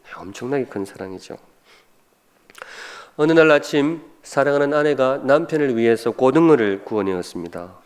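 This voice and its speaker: A man's voice: medium pitch, lively intonation, normal speed, clean tone. A Gyeongsang-accented pastor in his fifties delivers a sermon to his congregation. He talks like a friendly storyteller, cracking jokes and putting questions to the people in front of him. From Gyeongsan, South Korea. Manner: humorous, asks the congregation questions.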